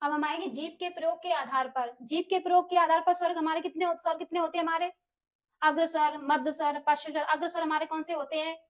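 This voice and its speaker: A young woman teaching an exam-prep Hindi lesson, asking questions and answering them herself, repeating key terms and sounding out vowels slowly. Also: very high voice, fairly even intonation. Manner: addresses viewers as friends, asks and answers own questions.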